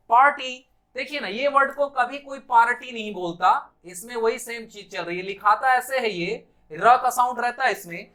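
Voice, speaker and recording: A man with a Bihari Hindi accent teaching spoken English in a classroom lesson. He explains patiently, stretches words out to show their sounds, and slips into slow English phrases. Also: very high voice, sharp tone.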